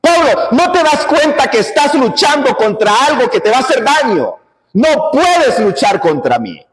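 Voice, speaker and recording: A man's voice: very high-pitched, big pitch swings, moderate pace, a bit bright, reverberant, big-room sound, pitched above the performer's own voice, heavily acted. A man voicing the Lord as a stern but caring divine male voice, speaking with urgent questions. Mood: urgent rebuke.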